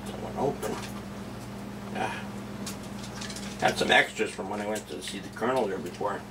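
This middle-aged food vlogger has a fairly low voice and talks at a normal speed. He cooks and samples dishes in his home kitchen, chatting offhandedly and restarting many times. The sound comes from a distant camera mic, with background noise audible.

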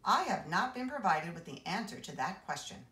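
A woman voicing a soft, motherly robot librarian. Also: lowish voice, very animated, moderate pace. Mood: polite. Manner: polite, formal, mechanical. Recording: roomy echo.

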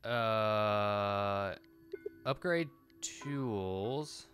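A man in his thirties hosts a gaming video, giving casual let's play commentary in a lowish, slightly bright voice with drawn-out words. He mutters to himself and swears offhandedly while game music plays in a small room at home.

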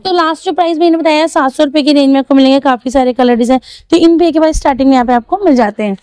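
Racing along in a high, warm voice, a young woman vlogs her way through a busy outdoor street market, chatting about clothes, fabrics and prices and asking shopkeepers questions. The recording has no room sound.

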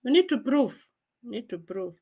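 Chatty and quick to laugh, a woman in her forties hosts a casual livestream from a room in her home, reading and answering viewers' comments. Her voice is a little high, very animated, a little slow, and mellow, picked up by a laptop mic.

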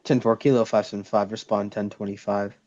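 A man's voice: on the low side, level tone, a little fast. A man playing a police dispatcher over the radio, clipped and procedural, using radio codes. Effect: heard over police radio. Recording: muffled radio with faint hiss.

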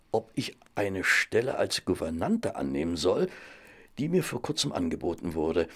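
A patient gentleman doctor in an audio drama. His voice is low, husky and lively in intonation. He speaks gently and a little hesitantly, as a loyal companion. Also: heavily acted. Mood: hesitant, polite. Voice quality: gravelly, husky. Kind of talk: German audio drama acting.

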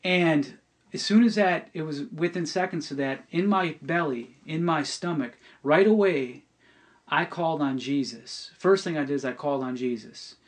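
Earnest, halting man, fairly high voice. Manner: halting, earnest, many restarts and repeated words. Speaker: guest telling a testimony. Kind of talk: podcast conversation, personal testimony.

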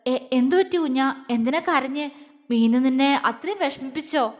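A stern, devoted young husband, put on by a woman reading a romantic audio story speaks with firm, commanding weight. The voice sits fairly high and comes out loud. A long reverb trails behind it, as if in a large hall. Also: normal speed, lightly acted. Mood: worried.

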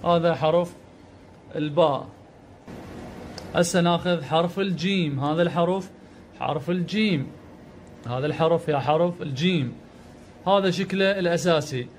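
A man with an Iraqi Arabic accent gives a reading lesson, sounding out each letter and syllable and patiently repeating them. His voice sits a little high for a man. A faint hiss runs under the recording. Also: normal speed, pauses often. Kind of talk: slow step-by-step lesson.

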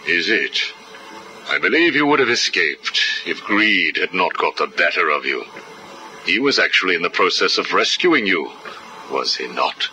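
A man's voice: low-pitched, very animated, sharp tone, a little hiss or hum, full character voice. A man playing a cold, clinical older psychiatrist questioning a prisoner, heard as a recording played back from an interview cassette tape. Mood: coldly probing. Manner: measured, clinical, condescending. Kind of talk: video game voice acting.

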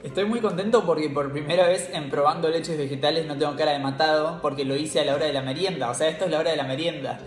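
A man's voice: on the high side, fast talker, few pauses, faint music behind. Chatty Argentine man in an echoey room. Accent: Argentine Spanish. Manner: chatty and slangy, laughs often. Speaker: cooking channel host. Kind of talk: casual tasting vlog.

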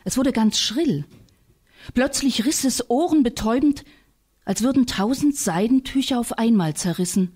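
A woman reading literary prose aloud in a staged reading, telling it in a calm, measured way. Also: a little high, husky. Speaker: reader.

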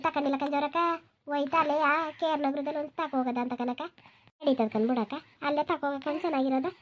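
A woman voicing a calm neighbor village woman in a comedy cartoon, speaking softly. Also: quick pace, slight background noise, natural voice. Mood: soothing. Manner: soft, lower and quieter, soothing.

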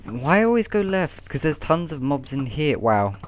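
A man's voice: fairly high pitch, sing-song, moderate pace. Young male gamer, playful, hums along, faint noise floor. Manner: playful, hums and yelps while playing. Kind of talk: casual gaming commentary.

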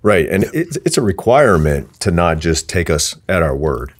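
Very deep-voiced man in his thirties. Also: big pitch swings, normal speed. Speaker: podcast guest. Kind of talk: casual podcast conversation. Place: small office studio. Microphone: desk podcast mic on boom arm.

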